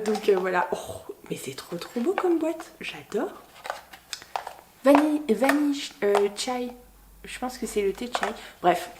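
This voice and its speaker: A young woman unboxing gifts in a casual vlog, gushing and exclamatory, full of fillers and little delighted cries. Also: fairly high pitch. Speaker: book vlogger. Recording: noisy home recording.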